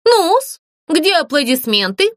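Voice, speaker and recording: A woman voicing a vain, showy female doll actress with a shrill, theatrical manner. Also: big pitch swings, slow pace, a bit bright, no echo, clean studio sound, exaggerated voice.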